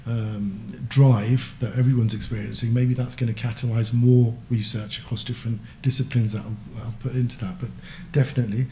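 A man's voice: mid-range voice, little pitch movement, fairly quick, few pauses, dark tone, reverberant, slight background noise. A man moderating a panel discussion from a lectern, conversational with frequent fillers. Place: conference auditorium, standing at a lectern. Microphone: lectern microphone.

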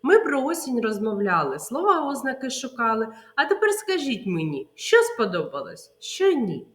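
Woman kindergarten teacher, slow sing-song delivery with a lively pitch, echoey room. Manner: slow, sing-song, drawn-out words, asks and answers her own questions. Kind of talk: early-literacy lesson for small children.

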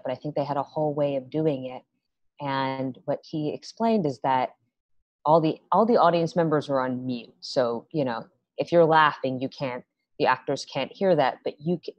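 A young playwright, appearing as a guest, chats in a casual interview over a video call from a small room at home, using many fillers and restarts. Her voice is extremely low-pitched. The laptop-webcam audio sounds dry and dull, without echo.

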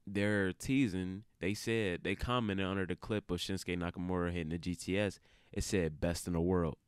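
A man giving casual, opinionated commentary as a video creator, colloquial and full of halting asides. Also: sits low, steady tone, clean tone, no room sound, clean studio sound.

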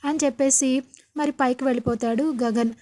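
High, mellow-voiced woman narrating. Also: steady tone, a little fast. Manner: plain storytelling with repeated linking phrases. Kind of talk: retelling a TV serial episode.

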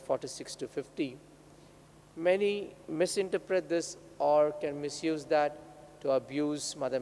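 A man's voice: on the high side, a little mellow. A man, a priest reading scripture and preaching in a church. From India. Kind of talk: gospel reading and homily. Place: large indoor church, at the altar. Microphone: gooseneck microphone on altar. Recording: echoey church hall, audible background noise.

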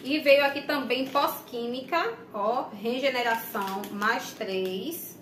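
Chatty young bahian woman, bright voice, talking to viewers, echoey little room w some street noise. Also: fairly high pitch, slow pace. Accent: Bahian Brazilian Portuguese. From Brazil. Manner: chatty, addresses viewers often. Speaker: vlogger. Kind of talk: casual unboxing chat. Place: small room indoors, plain wall.

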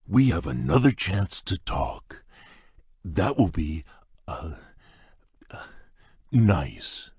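An actor playing a shy, gentle male beast prince in a game, talking in a halting, bashful way with a husky, rumbling voice. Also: very animated, dry recording, studio quality, exaggerated voice. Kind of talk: game voice clips.

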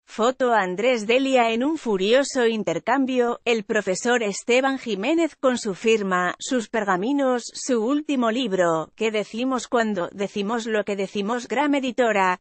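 Female news voice-over, fairly high pitch, even measured read, dry booth sound. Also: no room sound. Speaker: news reader. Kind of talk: reading a news article aloud.

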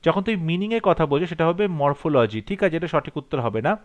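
Slow-reading male teacher. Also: a little high, very animated, dull audio. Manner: reads the English questions slowly, then explains them in Bengali. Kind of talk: exam-prep lesson going through multiple-choice questions.

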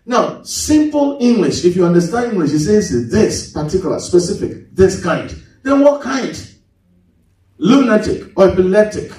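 Very animated and warm, his high voice keeps a normal speed as he preaches in church. The male pastor quizzes the congregation through call-and-response and repeats key words for emphasis, heard via a far-off mic in a heavily echoing hall.

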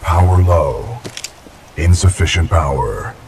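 A man voicing a damaged, low-powered male war robot that gives flat, clipped status reports while it reboots. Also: slow, gravelly, heavy background noise, heavily acted. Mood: flat, rebooting. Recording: distant voice under loud game music.

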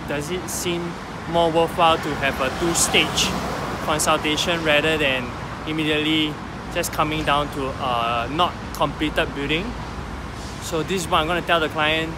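A man's voice: a little high, steady tone, moderate pace. A man, a feng shui consultant thinking aloud in a selfie vlog outdoors, filmed on a phone held at arm's length. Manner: explanatory, thinks aloud with fillers. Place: outdoors by a busy road. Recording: loud street traffic noise behind.

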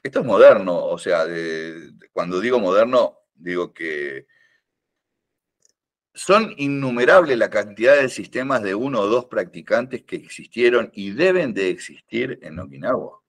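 On a casual podcast, the guest is an older man, a karate teacher with a Rioplatense Spanish accent, whose voice is on the low side, very animated and a little slow. He rambles, restarts often, fills pauses, and likes to tease.

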